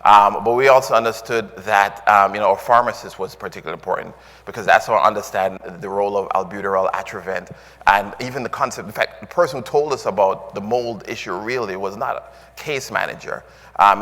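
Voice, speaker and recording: Speaking with a Jamaican accent at a conference, a man delivers an earnest talk packed with "um"s and frequent restarts. His voice sits on the low side with a slight brightness, and a long hall reverb trails behind it.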